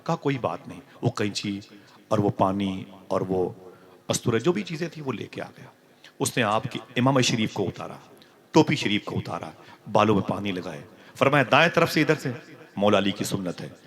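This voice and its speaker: A man giving a religious sermon, telling a story with acted-out dialogue and sudden loud, emotional outbursts. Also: on the low side, big pitch swings, moderate pace. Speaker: preacher.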